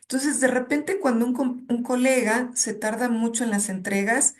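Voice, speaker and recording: A guest academic speaks reflectively and conversationally, using personal anecdotes to illustrate her points and checking in with "¿no?". Her voice is a little high, at a moderate pace.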